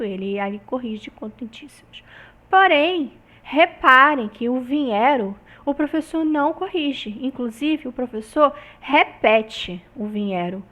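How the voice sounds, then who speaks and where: A woman's voice: on the high side, a bit bright. A woman with a Brazilian Portuguese accent giving a recorded university lecture, explaining step by step and often ending phrases with tag questions.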